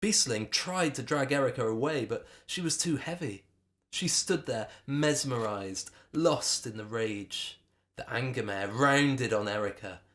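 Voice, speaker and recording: A man's voice: mid-range voice, measured pace, a bit bright. A man reading his children's book aloud, narrating with dramatic expression.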